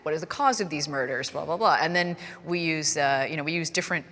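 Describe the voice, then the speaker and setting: A woman's voice: deep voice, fast, a bit bright, long reverb tail. A woman in her thirties, a scientist, speaking casually in a panel discussion and hedging her points.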